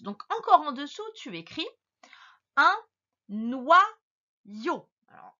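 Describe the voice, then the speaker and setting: A woman teacher giving a slow dictation lesson to a young child, patiently stretching words and spelling them out letter by letter. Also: fairly high pitch, a bit bright, dull audio.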